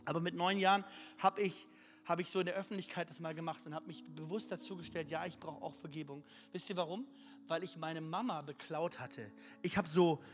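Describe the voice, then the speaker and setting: A man preaching a sermon, telling a story in an emphatic, colloquial way. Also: fairly high pitch. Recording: echoey hall, faint music.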